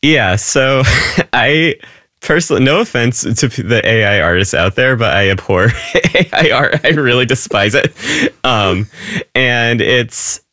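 A man's voice: medium pitch, expressive, measured pace, pushed and bright, dry recording, clean studio sound. A man from Rhode Island, an illustrator, answering interview questions candidly with small laughs. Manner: candid, laughs between points. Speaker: illustrator guest.

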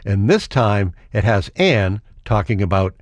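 Animated middle-aged man hosting an interview. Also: on the low side, unhurried. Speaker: interview host. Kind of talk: conversational interview.

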